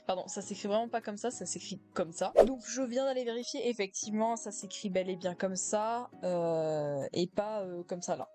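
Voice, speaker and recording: A teenage girl in high school, casually reacting to her own old comments, self-mocking, with many fillers and laughs. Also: normal speed, few pauses, warm tone, soft background music. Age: teens.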